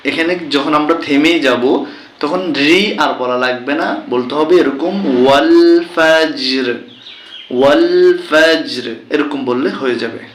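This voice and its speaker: A man teaching a Quran reading lesson, spelling out each word and then reciting it slowly in a chanting tone, with quick explanations in between. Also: medium pitch, fairly bright tone, a little hiss or hum. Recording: echoey room.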